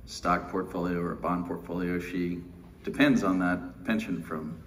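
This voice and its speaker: Speaking in a low, steady voice at normal speed, a middle-aged Texan gives a live keynote at a pension conference, wry and self-deprecating and heavy with fillers. The mic sits distant from him in a large windowless conference room, picking up faint room noise.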